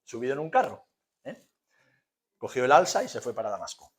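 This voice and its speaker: A pastor with a Spanish accent from Spain gives a conversational sermon in a medium-pitched voice with big swings in pitch, moving at a fairly quick pace. He asks rhetorical questions, repeats for emphasis and adds colloquial humour.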